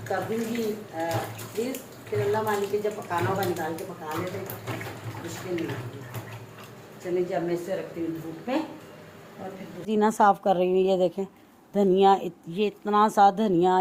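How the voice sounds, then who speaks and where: A woman's voice: on the low side, a little mellow, slight background noise. A woman from Pakistan vlogging in her home kitchen, chatting to viewers while she cleans and cuts vegetables, often telling them to look. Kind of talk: casual chat to viewers while cooking.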